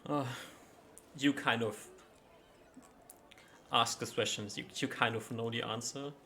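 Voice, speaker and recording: A man's voice: mid-range voice, steady tone, takes it slowly, sharp tone. A man casually narrating a tabletop role-playing game as its game master. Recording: faint background noise.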